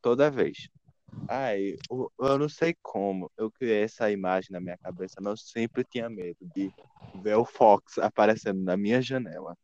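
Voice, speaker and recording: A Brazilian man co-hosts a casual podcast in a low voice, answering with jokes and teasing. His sound is dry and dull, recorded on a lo-fi mic. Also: normal speed, a little mellow, dry recording. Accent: Brazilian Portuguese. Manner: joking, teasing replies. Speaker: podcast co-host. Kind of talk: casual chat.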